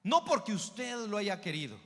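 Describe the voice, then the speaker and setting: A male pastor preaching a sermon, swinging between loud calls and soft low asides, speaking straight to the congregation as brother and church. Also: sing-song, moderate pace. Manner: addresses listeners directly as brother and church. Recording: long hall reverb.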